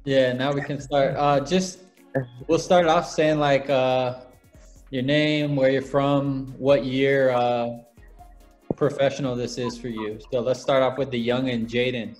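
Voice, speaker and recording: A man's voice: mid-range voice, fairly even intonation, a little slow, a little mellow, soft background music. A man, a pro soccer forward, hosting a casual roundtable and asking his teammates questions. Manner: easygoing, leads with questions, many fillers. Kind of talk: casual video-call chat.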